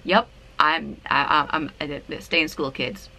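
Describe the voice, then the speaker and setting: A woman's voice: low-pitched, fairly even intonation, moderate pace, creaky, bright, forceful tone. A woman in her thirties from Canada, chatting to the camera at home in a giggly, self-deprecating way. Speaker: vlogger. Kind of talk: casual chat to camera. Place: her apartment, indoors.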